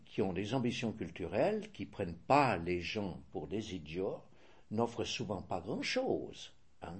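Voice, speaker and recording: With a low voice that has a breathy edge, an older Swiss French-accented man responds to an interviewer. He speaks with measured hesitation, frequently starting over and correcting himself.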